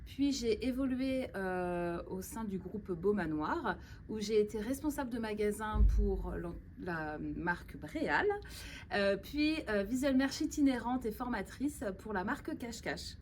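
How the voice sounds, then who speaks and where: A woman in her forties, a regional manager, recounting her career in measured steps. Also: mid-range voice, animated, slight background noise. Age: 40s. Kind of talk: corporate job interview testimony.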